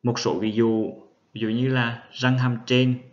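A man's voice: medium pitch, flat delivery, a little slow, darkish tone. A man giving a methodical, patient lecture on dental terminology, spelling out each term step by step. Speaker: dental instructor. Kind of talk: explanatory lecture. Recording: dull lo-fi recording.

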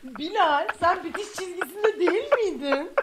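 A woman streaming a game with friends, loud, teasing and giggly, chatting casually. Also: extremely high pitch, lively intonation, unhurried, heavy background noise. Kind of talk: casual gaming chat with friends.

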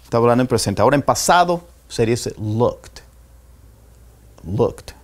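A man teaching a spoken lesson, explaining words slowly and repeating example phrases for learners to copy. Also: medium pitch, animated. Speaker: English teacher.

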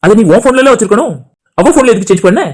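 Cartoon role: a man doing a blunt, irritable young brother, high-pitched, fast. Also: expressive. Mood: irritated. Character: protective older brother, short-tempered young man. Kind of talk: cartoon voice acting.

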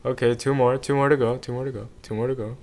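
A man's voice: medium pitch, steady tone, fast talker, a little mellow. A man doing laid-back, slangy unboxing commentary as a YouTube host, often muttering to himself. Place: carpeted room at home.

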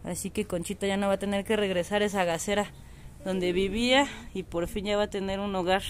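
An animal rescue vlogger chats to her viewers from an outdoor patio, filming on a phone camera. Her medium-pitched voice stays fairly even and a little fast, chatty and affectionate, with slight background noise behind her casual on-camera narration.

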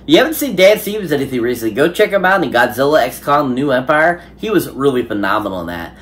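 Male reviewer, mid-pitched voice, gushing and rambling, casual. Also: big pitch swings, quick pace, fairly bright tone. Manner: enthusiastic, rambling with many fillers. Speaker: movie reviewer. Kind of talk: casual spoken film review.

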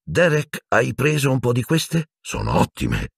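A man's voice: medium pitch, wildly swooping pitch, unhurried, vocal fry, breathy edge, dry recording, clean studio sound, pitched above the performer's own voice, exaggerated voice. A man voicing a cheerful but firm old male headmaster who speaks genially and decisively in an audiobook reading.

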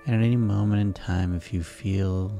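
A man guiding sleep hypnosis in a soft, soothing, unhurried manner, leaving pauses between phrases. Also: fairly low pitch, fairly even intonation, gravelly. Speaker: hypnosis guide. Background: relaxation music.

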